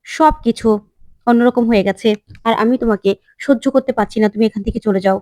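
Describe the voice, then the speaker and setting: A woman's voice: fairly high pitch, fast, darkish tone, no echo, clean studio sound, natural voice. A woman voicing an angry, anguished young husband in a retold drama story, talking in a plain pleading or rejecting way. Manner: pleading, then sharply rejecting.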